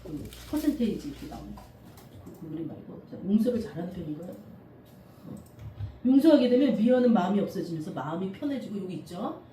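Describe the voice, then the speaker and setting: Animated woman pastor preaching in an echoey hall. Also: medium pitch, quick pace. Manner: animated, laughing, acting out quotes. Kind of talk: sermon. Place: church sanctuary. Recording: echoey room from far off, faint hiss.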